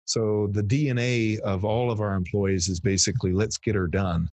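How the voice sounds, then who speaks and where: A lively, husky man in his fifties spins an anecdote for an interview host, his low voice a little breathy and recorded close and dry. He restarts phrases and doubles up his words as the story builds. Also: moderate pace, no room sound. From Texas, US. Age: 50s. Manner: animated storyteller, repeats words when starting phrases. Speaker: guest, PR firm founder.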